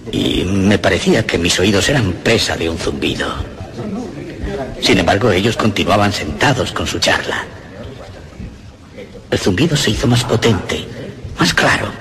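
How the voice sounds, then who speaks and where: A man giving a theatrical, dramatic reading of a story. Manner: theatrical, pitch swinging widely. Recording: clear crowd noise behind.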